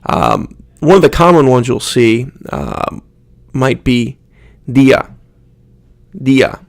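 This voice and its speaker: A man gives a pronunciation lesson at an unhurried pace, carefully sounding out and repeating each example word. His voice has a gravelly edge. The recording is dry and close. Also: medium pitch, sing-song, no echo. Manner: slow, deliberate, repeats example words. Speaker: Spanish pronunciation teacher. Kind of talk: instructional explanation with spoken examples.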